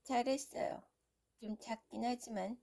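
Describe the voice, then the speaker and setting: A woman's voice: fairly high pitch, fairly even intonation, a little slow, vocal fry, warm tone. Woman reading as a coy, haughty young noblewoman. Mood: coaxing. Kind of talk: storybook character reading for a young child.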